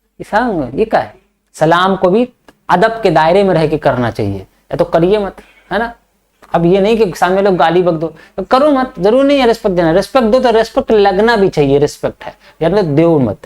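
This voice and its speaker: A male teacher giving a Hindi-medium English lesson. He reads English lines slowly and then explains them in chatty Hindi, with fatherly, scolding asides to his students. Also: sits high, lively intonation, a little mellow.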